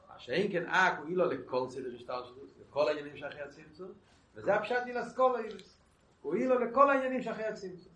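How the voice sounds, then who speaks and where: A man's voice: on the high side, distant mic, a little hiss or hum. Man teaching text in an echoey room. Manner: halting, repeats words and restarts, asks and answers rhetorical questions. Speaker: Torah teacher.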